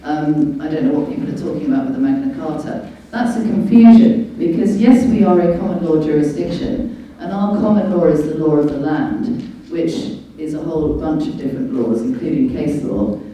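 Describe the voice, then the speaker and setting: A woman lawyer gives a fervent public talk on the law at an indoor meeting venue, pressing her points with emphasis. Her deep, dark-toned voice moves at a moderate pace with hardly any pauses, and the distant mic catches plenty of room echo.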